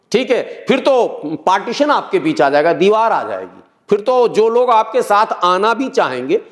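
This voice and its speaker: A middle-aged man, a guest in an interview, explaining his views earnestly and repeating key phrases. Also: high-pitched. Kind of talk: political interview talk.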